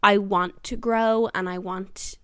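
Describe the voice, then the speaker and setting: A woman's voice: medium pitch, fairly even intonation, takes it slowly, a bit bright, smooth, dry recording, studio quality. A woman in her twenties hosting a casual solo podcast, chatty and earnest, with lots of fillers and restarts. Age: 20s. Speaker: podcast host.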